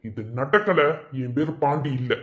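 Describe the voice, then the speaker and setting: A man's voice: a little high, expressive, unhurried, muffled recording. A man with a Madurai Tamil accent voicing a spiteful, scheming young village husband in a cartoon, muttering threats. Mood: menacing. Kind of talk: cartoon voice acting.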